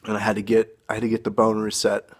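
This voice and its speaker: Young man, earnest testimony, low flat delivery, husky, phone-recorded. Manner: earnest, halting and emotional. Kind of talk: emotional personal testimony. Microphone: phone camera.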